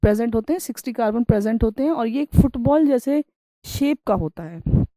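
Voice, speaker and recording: Mellow-voiced woman teaching science. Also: on the high side, expressive, no room sound, poor audio. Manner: reads English lines slowly, then explains in Hindi with everyday examples; keeps checking in with the class. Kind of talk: classroom lecture.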